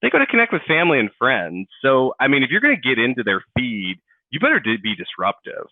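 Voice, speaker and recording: A man's voice: mid-range voice, huge pitch swings, fast, dry recording. A male host talks through a casual business interview, circling and restarting his thoughts as he goes. His voice comes through a narrow, phone-like band with a dry, close sound and no room around it. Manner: rambling, restarts sentences often. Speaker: podcast host. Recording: tinny phone-like dry audio.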